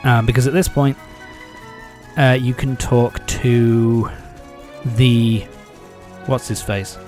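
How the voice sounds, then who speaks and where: A man's voice: mid-range voice, little pitch movement, takes it slowly, darkish tone, faint music behind. A man casually commentating a video game playthrough, rambling with many fillers, swearing and chuckling. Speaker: let's play host.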